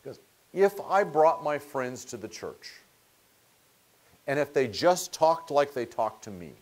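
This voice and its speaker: Animated middle-aged man lecturing a room. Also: medium pitch, a little slow. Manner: conversational, animated, restarts mid-word. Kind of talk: storytelling seminar lecture. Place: meeting room with audience.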